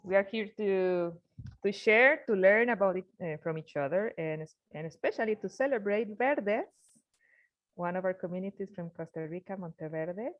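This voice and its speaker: A woman hosting a video call, upbeat and halting, with restarts. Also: mid-range voice, dull audio. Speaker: host.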